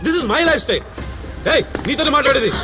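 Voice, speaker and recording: An actor with a Telugu accent playing an arrogant, hot-tempered rich husband who shouts at his wife and narrates bitterly in a film drama. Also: fairly high pitch, brisk, over music, natural voice. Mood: furious. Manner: shouting angrily, then bitter voice-over narration.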